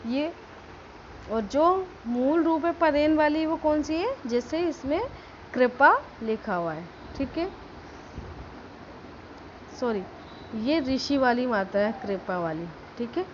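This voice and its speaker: A woman school teacher explaining a grammar lesson step by step, stressing example words slowly and checking that students follow. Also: sits high, animated, lo-fi sound, slight background noise. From India.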